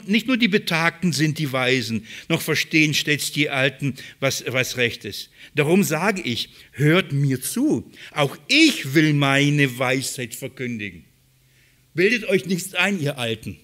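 A man preaching a sermon, alternating loud emphatic scripture quotes with quiet conversational asides. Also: on the high side.

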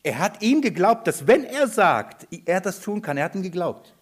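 A man preaching a sermon, animated, throwing questions at the congregation. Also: high-pitched, normal speed, husky.

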